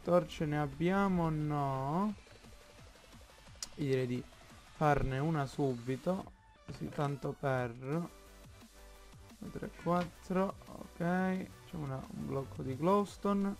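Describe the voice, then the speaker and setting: A man with an Italian accent commenting on his own Minecraft play, slow and halting, thinking aloud with many fillers. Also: a little high, faint music behind. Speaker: gaming YouTuber.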